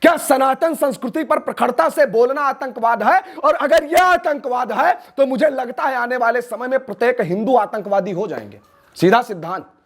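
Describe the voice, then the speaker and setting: Fiery high-voiced man declaiming. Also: normal speed. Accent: Awadhi Hindi. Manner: fiery, declamatory, rhetorical questions. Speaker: nationalist speaker, guest. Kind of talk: impassioned interview answers.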